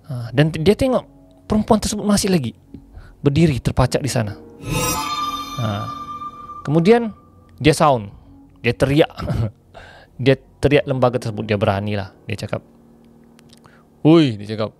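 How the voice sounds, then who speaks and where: A man telling a ghost story in a chatty way, pausing to explain local slang to his viewers. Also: medium pitch, expressive, a little mellow, breathy edge, soft background music.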